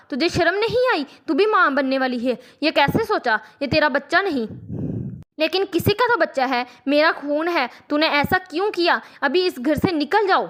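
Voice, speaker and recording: A woman's voice: sits high, a bit bright. A woman reading a storybook in the voice of a grieving father, anguished and scolding. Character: grieving father who turns furious.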